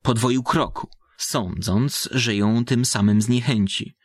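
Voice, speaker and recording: A man narrating a literary story at an unhurried pace, measured and dramatic. His voice is of middle pitch, recorded close and dry with no room sound. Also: no echo. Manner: measured and dramatic, voicing characters.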